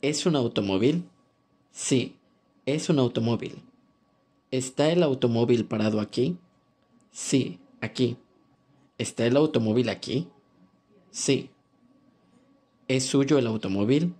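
Man narrating a language course. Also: medium pitch. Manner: calm, measured instructional reading. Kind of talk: scripted audiobook narration.

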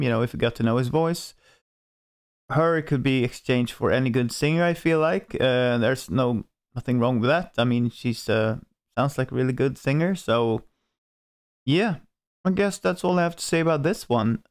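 Music reaction host, male, Swedish accent, clear tone, casual and candid. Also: mid-range voice. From Sweden. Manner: frank, unhurried opinions.

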